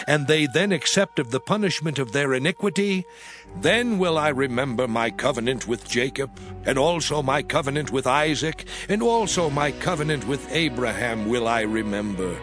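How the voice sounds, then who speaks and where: A man playing God as a solemn, stern deity, declaiming in measured archaic English in a dramatized scripture reading. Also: mid-range voice, fairly bright tone, close to an everyday voice.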